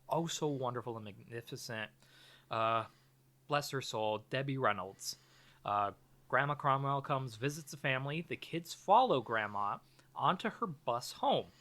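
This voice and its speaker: Wry man with a mid-pitched podcast voice. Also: sharp tone. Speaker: podcast co-host. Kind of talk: casual comic chat and film recap.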